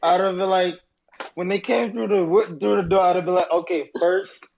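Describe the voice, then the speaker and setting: Gravelly high-voiced man on a noisy line. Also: steady tone, fast talker, a little mellow. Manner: incredulous, swears freely. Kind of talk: casual chat.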